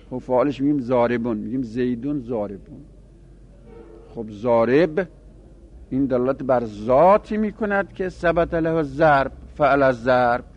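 Methodical male grammar teacher, lo-fi recording. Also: medium pitch. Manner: methodical, repeating patterns step by step; asks and answers his own questions. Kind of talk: classroom lecture. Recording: dull lo-fi recording.

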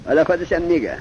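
A man's voice: on the high side, a little mellow, lo-fi sound, slight background noise. Man teaching a grammar class. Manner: explains step by step, asks students questions and answers them himself; reads Arabic passages slowly and deliberately. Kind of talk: classroom lesson on Arabic grammar.

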